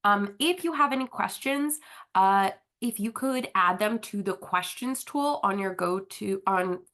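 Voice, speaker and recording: Over a video call, a marketing manager hosts and presents an online webinar, her medium-pitched voice fairly bright in tone. She has a slight cold and sounds a little sniffly, keeping things casual and friendly with frequent fillers.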